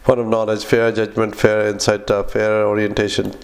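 Male clinician, lowish voice, very flat intonation. Medical dictation read off in clipped, halting fragments with spoken commands. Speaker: clinician dictating patient notes.

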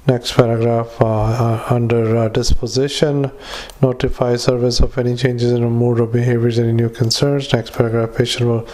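A man, a psychiatric clinician, dictating a clinical note into a dictaphone, halting with many fillers and speaking punctuation and paragraph breaks aloud. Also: medium pitch, little pitch movement, a little mellow.

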